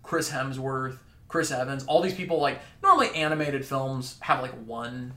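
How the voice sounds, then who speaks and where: A man's voice: medium pitch, normal speed, fairly bright tone, echoey room. A man co-hosting a podcast, chatting eagerly as a fan. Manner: enthusiastic, chatty fan talk. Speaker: podcast co-host. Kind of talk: casual chat.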